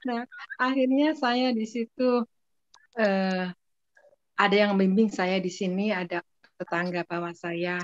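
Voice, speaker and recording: A woman giving a casual, lively spoken testimony as a guest, often laughing. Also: medium pitch, unhurried, pauses often. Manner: lively storytelling with frequent laughs. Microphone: video call. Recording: muffled dry video-call audio.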